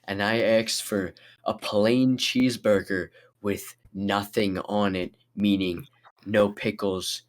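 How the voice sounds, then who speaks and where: A podcast co-host telling a story in an animated, exaggerated way. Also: low-pitched, takes it slowly. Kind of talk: casual chat.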